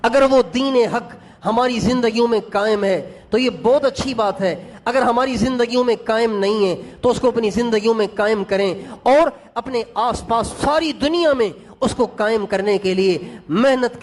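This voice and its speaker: Male preacher with a high voice, emotive sermon storytelling, speaks straight to the congregation. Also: hardly any pauses. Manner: emotive, addresses the congregation directly.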